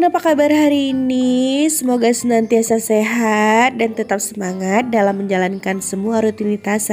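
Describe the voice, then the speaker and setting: A woman's voice: fairly high pitch, dark tone. A woman with a congested, nasal sound from a head cold, chatting as a friendly home vlogger to fellow mothers. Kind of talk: chatty vlog voice-over narration. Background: music.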